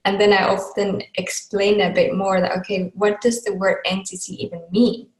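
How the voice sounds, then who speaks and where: A woman's voice: mid-range voice, level tone, normal speed. Chatty woman host from Finland, echoey. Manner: chatty, laughing, loose with fillers. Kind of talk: casual online talk. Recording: echoey room sound.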